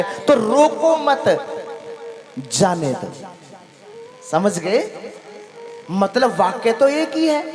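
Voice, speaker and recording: A man preaching a devotional sermon, quizzing his audience with call-and-response questions and repeating phrases for emphasis. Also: extremely high pitch. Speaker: katha preacher.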